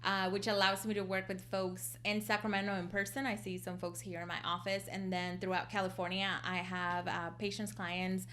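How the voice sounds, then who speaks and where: Guest therapist, woman in her 40s from El Salvador, mid-pitched, reflective, pauses and fillers. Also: little pitch movement, a bit bright, a little hiss or hum. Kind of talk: casual interview storytelling.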